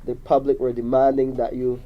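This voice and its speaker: A man's voice: medium pitch, completely flat delivery, brisk, phone-quality sound. A man hosting a hospital radio talk show, greeting listeners and introducing guests in an upbeat way.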